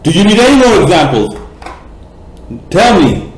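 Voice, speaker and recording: A man's voice: high voice, sing-song, normal speed. Passionate rambling man, echoey room. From Bangladesh. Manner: passionate, rambling, many fillers and restarts, blunt and profane. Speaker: cricket vlogger. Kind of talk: opinionated vlog rant.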